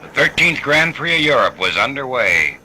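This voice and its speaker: A man narrating race footage on an old 1950s film soundtrack, relaxed and dropping wry asides. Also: mid-range voice, normal speed. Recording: hissy, noisy vintage film recording.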